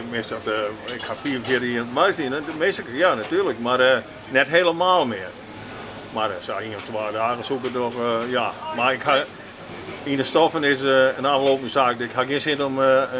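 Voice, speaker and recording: A man's voice: mid-range voice, normal speed. Blunt older man, retired trader. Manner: blunt, a bit impatient. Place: outdoor market street. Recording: street noise behind.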